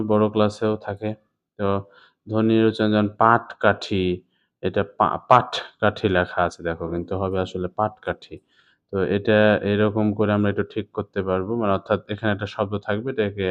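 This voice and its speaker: Deep-voiced Bangladeshi Bengali teacher, dull recording. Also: male voice, smooth. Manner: explains step by step, often asks "ঠিক আছে?". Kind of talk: exam suggestion lesson for students. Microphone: writing while talking. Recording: slightly dull lo-fi sound.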